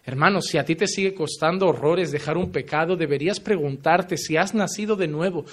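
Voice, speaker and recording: Fervent high-voiced preacher man. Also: a little fast. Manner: fervent, confronting listeners with direct questions; swings between loud emphatic lines and low quiet endings. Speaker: pastor. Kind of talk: sermon.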